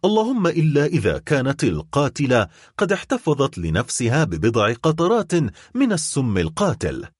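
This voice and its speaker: A man's voice: mid-range voice, wildly swooping pitch, slightly rough, dry recording, clean studio sound, pitched above the performer's own voice. A man playing a stern, cold prosecutor. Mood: accusing. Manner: grave, accusing, measured. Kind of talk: audiobook character voice.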